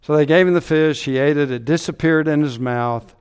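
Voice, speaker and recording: A man's voice: fairly high pitch, a little fast, clear, resonant tone. Resonant-voiced male pastor preaching. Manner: earnest, explanatory, repeats words and phrases for emphasis. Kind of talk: sermon.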